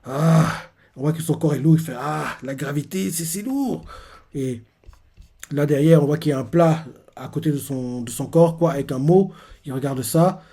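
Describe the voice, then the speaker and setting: A man's voice: a little high, brisk, mellow. Rambling young-sounding French man. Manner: rambling, many fillers. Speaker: manga reaction youtuber. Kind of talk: casual retelling and reaction.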